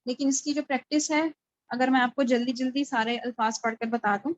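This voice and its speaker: A high-voiced woman teaches Quran recitation over a video call and patiently explains each rule before she stretches out each recited word. The call recording sounds dull and dry, with no room sound at all. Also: steady tone, dry recording. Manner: explains patiently, then slowly drawn-out recited words. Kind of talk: online tajweed lesson. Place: home, online video call.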